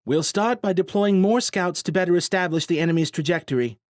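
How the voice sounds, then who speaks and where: Businesslike commander, narrator-voiced, high and forceful. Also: male voice, no echo, clean studio sound, natural voice. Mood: determined. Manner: brisk, planning. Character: businesslike male resistance commander giving orders.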